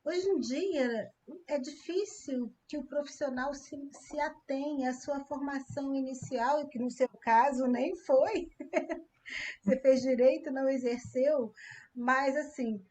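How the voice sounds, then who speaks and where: A woman from Brazil hosts an interview in a high-pitched voice, building long, rambling questions with lots of affirming asides. A faint noise sits under the recording. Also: slow pace, darkish tone. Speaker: interviewer, show host. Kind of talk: casual interview.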